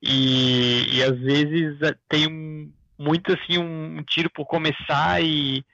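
A man's voice: a little high, steady tone, slow, vocal fry, pushed and bright, no echo. Rambling man, lo-fi dry sound. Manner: loose, rambling, many fillers. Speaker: podcast co-host. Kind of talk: casual chat about writing.

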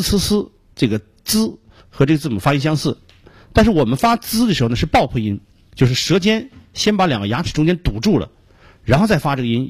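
A man teaching English pronunciation on a radio lesson, explaining patiently step by step and repeating sounds slowly to demonstrate them. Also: a little high, breathy edge, no echo.

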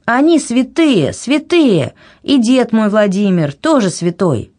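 A woman voicing a proud, hot-tempered young princess who shouts indignantly. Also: sing-song, moderate pace. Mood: furious. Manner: shrill, indignant outbursts.

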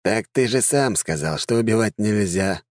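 A man's voice: lowish voice, normal speed, darkish tone, dry recording, clean studio sound, voice pushed up, close to an everyday voice. A man voicing a sulky, sighing necromancer. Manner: sighing, plaintive. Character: gloomy male necromancer, mild and sulky. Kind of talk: audiobook character voice.

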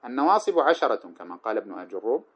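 A man teaching grammar, reciting lines of verse slowly and then explaining them with many short examples. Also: mid-range voice, sing-song, slightly rough. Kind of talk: explaining a grammar poem line by line. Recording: dull lo-fi recording.

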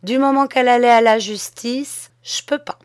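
A stubborn old village postman and former soldier from a classic storybook, played by a woman. He talks in a plain rustic way, calm but unbending, in a voice pitched a little above the reader's own. The sound is dry and close. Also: normal speed, no room sound, natural voice. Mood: firm. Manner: rustic speech, calm and firm.

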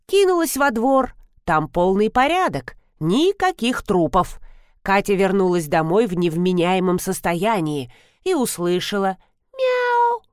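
A woman's voice: mid-range voice, sing-song, a little slow, clean tone, no echo, clean studio sound. A woman voicing a chatty woman retelling a family story in a matter-of-fact way.

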